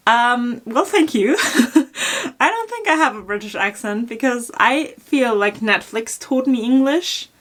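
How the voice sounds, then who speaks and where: A fashion YouTuber from Germany, speaking with a German accent, answers viewer questions in a casual vlog, chatty, laughing softly and full of ums and likes. Her voice is a little high, with lively intonation and a measured pace.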